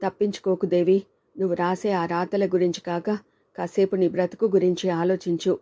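A woman's voice: lowish voice, little pitch movement, normal speed, dark tone, lightly acted. A woman voicing a caring, tearful woman friend in a storybook reading, pleading with her.

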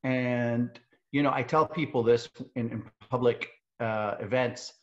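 A Syrian man in his forties, CEO of a civic organization, joins a webinar from his living room and talks casually, cracking jokes and often restarting his sentences. His mid-range voice is fairly even and measured, heard through an earbud headset on a video call with dull, lo-fi audio.

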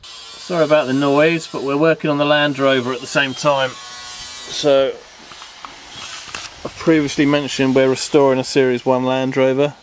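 A man fixing a boat in an outdoor garden workshop films himself on a handheld camera, rambling casually through the how-to. His mid-range voice has a flat delivery and moderate pace, with a bit of hiss or hum. He's chatty and self-deprecating, with many ums.

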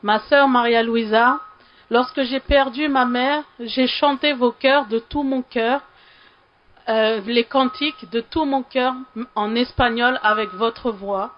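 A woman's voice: on the high side, steady tone, takes it slowly, dull audio. A woman from Sri Lanka giving a heartfelt testimony in a church hall, faltering a little at emotional moments.

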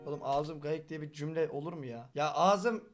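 Fast-talking young man with a regional Turkish accent. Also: fairly high pitch, faint music behind. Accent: Turkish regional dialect. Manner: fast-talking, joking, swears often. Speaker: gaming video host. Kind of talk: casual reaction commentary.

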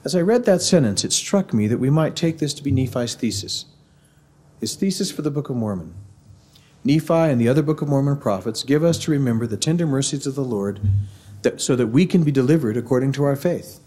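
Earnest and measured, a middle-aged man with a warm, mellow Missouri accent delivers a formal devotional address through a podium mic in a large university auditorium. His medium-pitched voice is animated and a touch rough.

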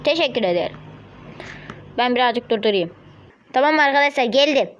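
A woman's voice: a little high, animated, fairly quick, dull audio. A woman giving casual gameplay commentary on a mobile game, chatting to viewers and blurting out sudden yelps and insults at opponents. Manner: chatty running self-talk to viewers.

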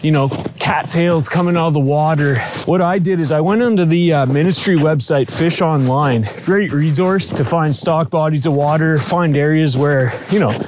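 A man's voice: on the high side, normal speed, darkish tone, slight background noise. A man in his thirties from Ontario, Canada, hosting an outdoor fishing vlog in an upbeat, chatty way, recorded on a camera mic out on a frozen lake and inside a small tent. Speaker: fishing channel host.

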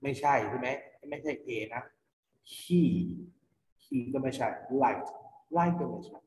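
A man's voice: medium pitch, expressive, a little slow, darkish tone. A male teacher with a Thai accent giving an online phonics lesson to children, patiently spelling words letter by letter and answering his own questions. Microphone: computer mic for online class. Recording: echoey, reverberant room.

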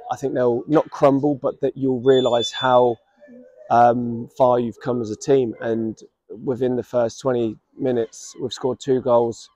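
A man in his thirties with an English accent, a football manager giving a measured, reflective post-match interview outdoors at a stadium. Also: medium pitch, little pitch movement, dark tone, no echo, muffled recording. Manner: reflective, measured, many restarts. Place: outdoors by a stadium running track. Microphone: camera at standing distance.

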